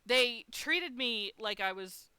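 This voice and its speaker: A woman chatting on a livestream, telling a story with animated, profane energy. Her voice sits a little high and sounds bright and crisp, close and dry. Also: slow pace, no room sound. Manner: animated and profane, with frequent swearing. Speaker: artist streaming live.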